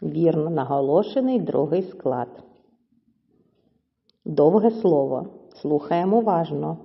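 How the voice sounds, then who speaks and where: A woman with a low voice gives a children's lesson at an unhurried pace, drawing words out syllable by syllable. Her patient voice carries a long reverb and a dull, lo-fi sound. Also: animated, gravelly. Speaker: teacher.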